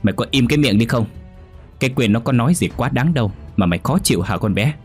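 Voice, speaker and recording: A man's voice: on the low side, lively intonation, quick pace, darkish tone, faint music behind, natural voice. A man voicing a stern older mother who scolds her daughter harshly. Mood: scolding.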